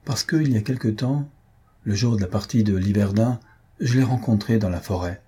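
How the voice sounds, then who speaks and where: A man's voice: fairly low pitch, normal speed, mellow, slightly rough. A man reading aloud, voicing a reserved, proud young countess who answers curtly. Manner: curt, restrained replies.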